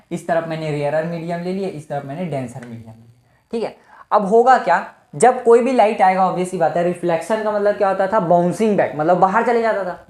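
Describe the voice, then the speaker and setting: Tutor in an echoey room. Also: male voice, high-pitched, a little mellow. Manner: keeps asking rhetorical questions and answering them himself; repeats words for emphasis. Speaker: physics tutor. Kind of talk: casual board-exam lesson. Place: indoor room, teaching at a marker board.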